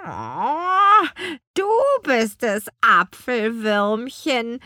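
A woman voicing a kindly, forgetful old grandmother witch in an audiobook, with a raspy, croaking voice and a drawn-out, high, cracked delivery. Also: sing-song, pushed and bright, no echo, clean studio sound, heavily acted. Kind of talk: audiobook character voice.

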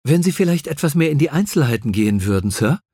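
A man's voice: fairly high pitch, animated, fast talker, darkish tone, slightly rough, no room sound, clean studio sound, pitched above the performer's own voice. A man voicing a cheerful, tactful young female assistant in an audiobook, polite and helpful.

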